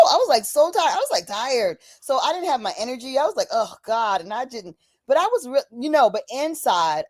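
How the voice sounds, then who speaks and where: With a fairly high-pitched voice captured in studio quality with no room sound, this livestream host talks with fervor. She keeps it casual, full of fillers, repeats phrases to stress them and keeps addressing "y'all".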